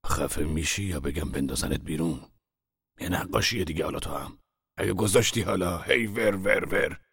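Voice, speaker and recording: Man doing a gruff old master painter, very deep voice, husky, scolding, dry close sound. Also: no room sound, exaggerated voice. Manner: gruff, scolding, then lecturing. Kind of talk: audio drama acting.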